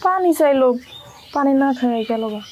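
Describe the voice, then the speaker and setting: A woman's voice: high voice, expressive, moderate pace, highs cut off, background noise. A young woman, playing an outspoken, reproachful elder sister-in-law in a TV drama. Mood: worried. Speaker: elder son's wife. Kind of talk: TV drama acting. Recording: music under the dialogue.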